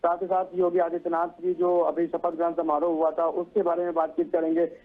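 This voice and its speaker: A man's voice: fairly high pitch, monotone, a little fast. A male news correspondent reporting live, talking in long sentences with frequent fillers and restarts. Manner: repeats "सीधे तौर पर" and "आप समझिए", many fillers and restarts. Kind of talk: live news report over a phone line. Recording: tinny phone line.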